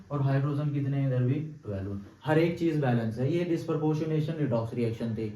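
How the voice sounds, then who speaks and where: A man's voice: a little high, warm tone. A man teaching chemistry in a lecture, asking questions and answering them himself step by step. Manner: quizzes students with constant checks like "clear?"; answers his own questions, slow stepwise counting. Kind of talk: classroom lecture at a board. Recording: echoey room, distant mic, dull sound.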